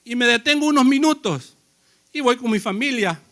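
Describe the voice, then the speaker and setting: A man's voice: very high-pitched, lively intonation, moderate pace, bright, forceful tone. A man preaching a sermon in a conversational way, telling personal stories and asking the congregation questions.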